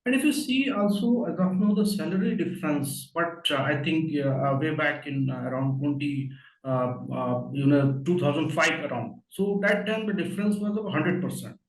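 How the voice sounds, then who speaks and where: A man's voice: fairly high pitch, normal speed. A man hosting an interview, asking questions hesitantly with lots of fillers. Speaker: interviewer, host. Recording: roomy, from far off the mic.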